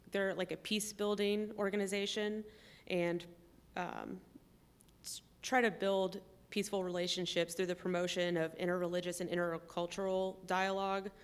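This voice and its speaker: Woman laying out details steady and careful, lowish smooth voice, lots of ums. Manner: measured, explains step by step with frequent ums. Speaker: trip participant. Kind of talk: conversational explanation.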